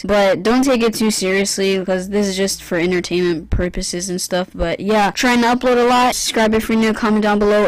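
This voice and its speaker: A woman's voice: medium pitch, no echo, poor audio. A young woman narrating a casual storytime in conversational, slangy, youthful speech. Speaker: video creator.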